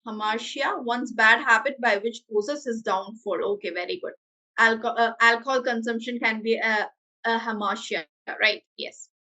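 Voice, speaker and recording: A woman's voice: a little high, steady tone, drawn-out words, bright, forceful tone, low-quality recording. A woman with a Malayali accent teaching an English class over a video call, switching between English and Malayalam and praising her students often.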